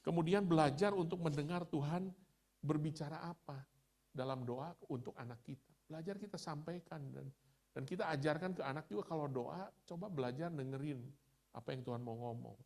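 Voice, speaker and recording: Gravelly middle-aged man preaching casually. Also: fairly high pitch, brisk, darkish tone. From Indonesia. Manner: storytelling, chatty, laughs at himself. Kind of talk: conversational sermon.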